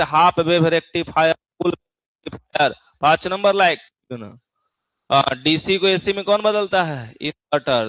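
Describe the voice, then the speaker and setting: A man's voice: fairly high pitch, a bit bright, no echo. A middle-aged man with a Bihari accent teaching an exam-prep physics class in a folksy way, often checking in with his students. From Bihar, India.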